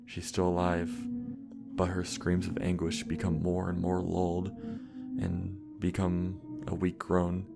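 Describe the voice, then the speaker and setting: A man reads a scripted horror story in a measured, steady way. His voice is deep and gravelly with plenty of fry. Music plays beneath the narration throughout. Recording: music playing underneath.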